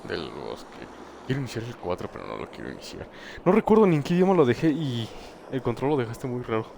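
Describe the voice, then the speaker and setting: A man's voice: medium pitch, fast, vocal fry, a little hiss or hum. A man casually talking to his stream viewers and plugging promo codes before starting a game. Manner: relaxed, addresses viewers, plugs sponsor codes. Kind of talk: casual gameplay chat.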